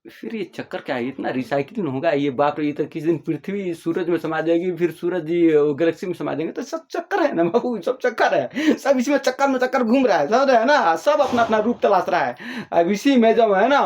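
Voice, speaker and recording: A man with a slightly high voice talks about spiritual ideas in a loose, chatty way. He keeps repeating phrases and acts out small scenes from family life. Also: darkish tone. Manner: repetitive, explains with homely examples, acts out little dialogues. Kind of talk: casual spiritual talk.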